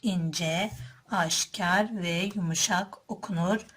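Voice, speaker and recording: A woman teaching how to pronounce Arabic letters, explaining each sound calmly and repeating every letter twice, loud and drawn out. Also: lowish voice, slow, husky. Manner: calm explanatory tone, addresses listeners as dear friends. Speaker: Quran reading teacher. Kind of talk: slow, deliberate lesson on letter sounds.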